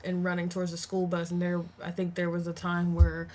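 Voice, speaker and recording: A woman's voice: lowish voice, completely flat delivery, a little fast, darkish tone. A woman co-hosting a horror podcast in casual chat, tired late at night and easygoing in how she talks. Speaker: podcast co-host.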